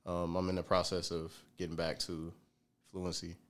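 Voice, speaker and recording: A man with a very low voice, talking as a guest on a podcast. He is easygoing and slangy, with casual swearing. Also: monotone, normal speed, a bit bright.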